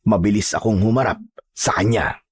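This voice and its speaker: A male storyteller with a husky, mid-pitched voice who tells a horror tale in the first person. His delivery is steady and dramatic, and the sound is dry and close. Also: normal speed, no room sound. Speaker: narrator.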